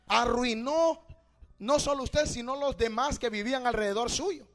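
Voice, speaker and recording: A man preaching a sermon, fervent and swinging between loud exhortation and hushed storytelling, often calling listeners brother and asking rhetorical questions. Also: very high voice, moderate pace, soft background music. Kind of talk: evangelical sermon.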